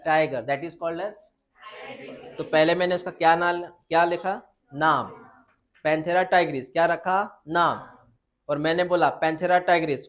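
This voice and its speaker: A biology teacher talks a class through a lesson in a high, lively voice. He keeps it informal, calls the students beta and fires questions he then answers himself. English textbook lines come out slow and deliberate. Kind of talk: classroom lecture.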